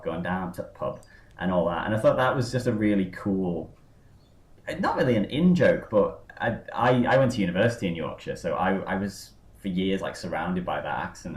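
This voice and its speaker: A man hosting a podcast, rambling through a casual chat with lots of fillers and tangents. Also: sits low. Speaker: podcast host. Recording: roomy echo.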